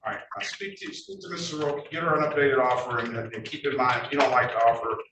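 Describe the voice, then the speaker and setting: A man presiding as judge over traffic court, talking haltingly with repeated words and folksy asides, heard on a courtroom recording. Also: mid-range voice. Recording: echoey room, distant mic, noisy.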